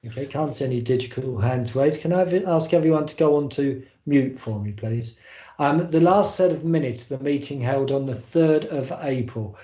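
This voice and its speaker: A man's voice: medium pitch, moderate pace, mellow. A man chairing a formal board meeting over a video call, hesitating often with ums and uhs. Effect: heard over a video call. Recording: roomy, dull video call audio.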